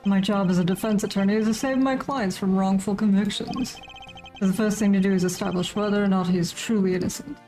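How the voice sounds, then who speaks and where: A woman's voice: medium pitch, steady tone, quick pace, dark tone, soft background music, natural voice. A woman reading the lines of a polished male defense attorney, formal and courteous, in her own voice. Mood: composed.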